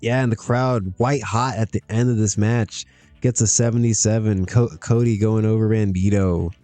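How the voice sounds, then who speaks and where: A man's voice: fairly low pitch, fairly even intonation, normal speed, mellow, no room sound, faint music behind. Laid-back man chatting over a game. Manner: chatty, laughs often, talks to himself. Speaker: streamer playing a wrestling management game. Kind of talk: casual gameplay commentary.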